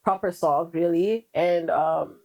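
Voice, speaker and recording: Young woman, american-tinged accent, rambly fast guest chat, lowish voice. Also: vocal fry, a little mellow. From Kenya. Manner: quick, candid, rambling with many fillers. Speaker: guest musician. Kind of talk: casual interview chat.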